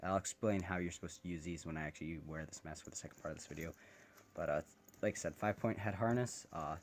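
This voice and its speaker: A man gives an informal, unscripted product review. His voice sits fairly low, and he speaks loosely and conversationally, recorded on a phone camera. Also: fast talker, a little hiss or hum. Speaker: gas mask reviewer. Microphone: handheld phone camera.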